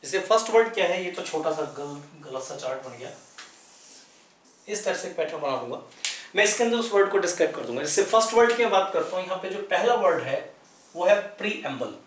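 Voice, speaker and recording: A man explains English vocabulary in Hindi in a repetitive, classroom manner. His voice sits high for a man. The room adds a noticeable echo. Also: animated, fairly quick, a little hiss or hum. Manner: repetitive, explanatory, spells words letter by letter. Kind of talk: explaining lesson in Hindi at a chart.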